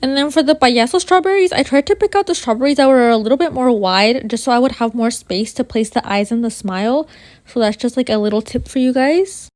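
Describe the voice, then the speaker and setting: A woman's voice: on the high side, fairly quick, a little mellow, no echo. A woman narrating a how-to baking tutorial in an informal way, with a slight lisp and whistling s. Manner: addresses viewers informally as you guys. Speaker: baking video host.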